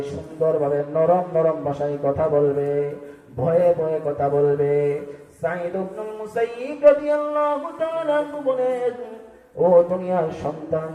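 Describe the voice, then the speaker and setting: A man preaching a waz sermon, swinging into sing-song chanting and loud calls to the crowd. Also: fairly high pitch, phone-quality sound. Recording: echoey, distant mic, faint music.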